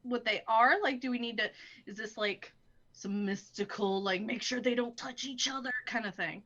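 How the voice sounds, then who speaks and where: A woman's voice: on the high side, moderate pace, a bit bright, dull audio. A woman player in a live tabletop game, chatty and full of questions. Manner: chatty and inquisitive. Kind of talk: casual role-play banter.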